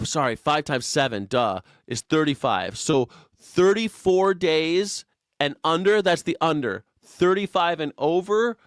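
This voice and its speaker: A man's voice: on the high side, no room sound. Man, 40s, live stream host, sarcastic and profane, loose rambling delivery, dry close sound. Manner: sarcastic, profane and rambling, reads chat comments aloud. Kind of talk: casual political comedy rant.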